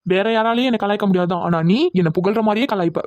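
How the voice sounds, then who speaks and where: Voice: mid-range voice, very fast, darkish tone, dry recording, lo-fi sound, lightly acted. A voice actor playing a bossy, protective young man in a cartoon who gives orders. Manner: bossy, commanding.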